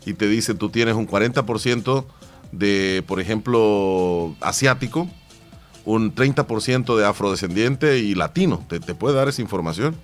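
Low-voiced Salvadoran man hosting morning radio. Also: moderate pace, soft background music. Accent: Salvadoran Spanish. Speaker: radio morning show host. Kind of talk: reading news and casual chat.

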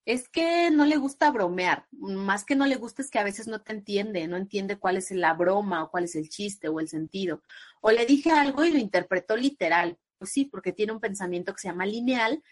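A woman with a Mexican accent, a psychologist guest on an interview podcast, explaining at length in a conversational way and bringing in quoted voices with lively pitch jumps. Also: moderate pace.

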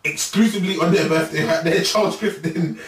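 A man's voice: a little high, a little fast, recorded from a distance, a crowd in the background. A young man with a London roadman accent and slang-heavy street talk, bantering casually. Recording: roomy echo, off the mic.

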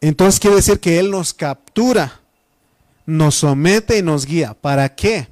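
Mexican guy preaching a bible study, kinda high voice, dry close sound, lots of ums and repeats. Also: a little slow, darkish tone, no room sound. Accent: Mexican Spanish. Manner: teaching, repeats phrases, frequent fillers.

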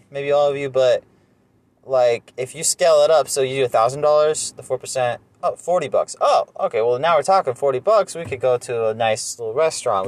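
A man's voice: mid-range voice, a little mellow, clear, resonant tone, dry recording. Nasal-sounding guy in his 20s, rambly solo chat, lots of ums, kinda self-deprecating. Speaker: podcast host. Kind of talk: casual solo monologue.

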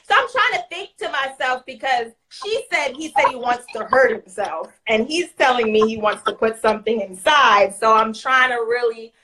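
A woman telling a true story from her work as a guest, animated and acting out the voices, laughing as she tells it. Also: on the high side, normal speed, hardly any pauses, rough recording.

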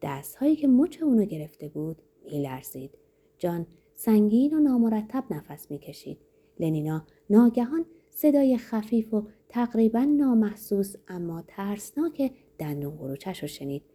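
A woman reading a novel aloud in expressive audiobook narration with a dramatic, varied delivery. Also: medium pitch, husky.

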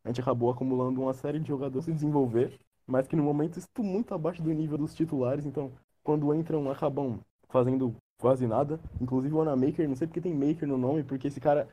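A man's voice: fairly high pitch, fairly even intonation, fast talker, warm tone. A man co-hosting a casual sports podcast, fluent and wry, laughing easily. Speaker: podcast co-host.

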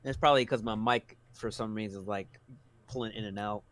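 A man's voice: on the low side, steady tone, a little fast, fairly bright tone, dry recording. A man co-hosting a casual podcast chat over a replacement headset whose audio keeps cutting in and out, rambling and swearing casually. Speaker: podcast co-host.

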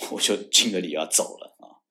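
In a low-pitched voice at moderate speed, a Taiwanese man with a past as a military judge advocate tells a story in a casual interview setting. He animatedly acts out the dialogue he quotes, shouting the angry lines, and frequently restarts and repeats his words.

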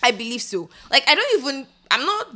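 A woman's voice: sits high, big pitch swings, brisk, pushed and bright. A woman co-hosting a podcast, chatting casually and animatedly, exclaiming and laughing as she talks. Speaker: podcast co-host. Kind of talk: casual chat.

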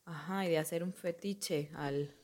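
Woman, lowish voice, measured, agreeable, podcast chat. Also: fairly even intonation, darkish tone. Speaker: podcast co-host. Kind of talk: casual chat.

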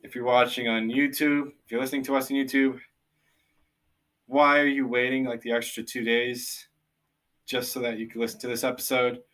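A man co-hosting a relaxed podcast in casual chat. He talks in an easygoing way. He pauses often with "um" between thoughts. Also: medium pitch. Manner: easygoing, many "um" pauses, recommends and plugs. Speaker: podcast co-host.

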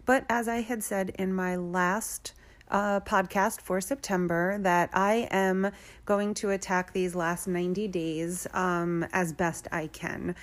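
A woman hosting a solo podcast, talking casually and informally about her own life like a personal check-in. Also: lowish voice. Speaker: podcast host.

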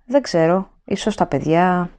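A woman's voice: fairly low pitch, animated, mellow, natural voice. A woman voicing a weary, nervous middle-aged housewife who speaks limply and fretfully, in an audiobook reading. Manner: limp, listless, fretful.

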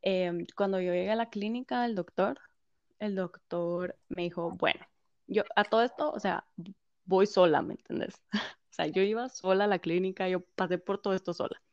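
Woman, interview guest, animated storyteller who quotes others; dry, slightly muffled recording. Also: mid-range voice, normal speed, no room sound. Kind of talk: personal story in conversation.

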